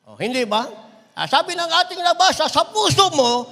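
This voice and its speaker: A middle-aged man preaching an impassioned sermon, swinging between shouts and low asides. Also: lively intonation, normal speed. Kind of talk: Tagalog sermon. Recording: long hall reverb.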